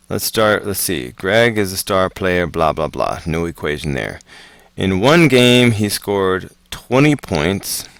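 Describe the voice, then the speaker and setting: A man teaching math homework, talking through word problems in a relaxed, chatty way with asides. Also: sits low, vocal fry, no room sound. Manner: relaxed, chatty, slow and deliberate. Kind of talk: casual homework walkthrough.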